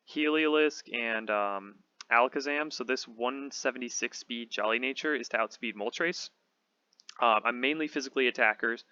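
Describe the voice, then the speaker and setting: A man with a slightly hoarse voice, casually thinking aloud as he talks through a game team build. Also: mid-range voice, bright, forceful tone, no echo, lo-fi sound. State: slightly hoarse, losing his voice. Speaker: competitive Pokemon channel host.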